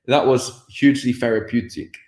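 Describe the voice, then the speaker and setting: As an interview guest on a podcast, a man who teaches languages reflects candidly on his past in a personal conversation, full of fillers and restarts. He has a mid-range, slightly mellow voice with a steady tone at a moderate pace, in a reverberant recording.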